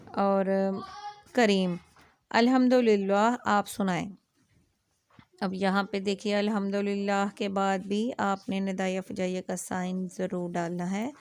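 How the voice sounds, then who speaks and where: A young adult woman teaching a lesson, her voice gravelly with vocal fry and fairly flat in pitch. She explains patiently, spells out words letter by letter and often pauses with filler sounds. The sound is close and dry. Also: no echo. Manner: frequent "aa" fillers, asks "theek hai?". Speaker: Urdu teacher. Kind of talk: classroom lecture.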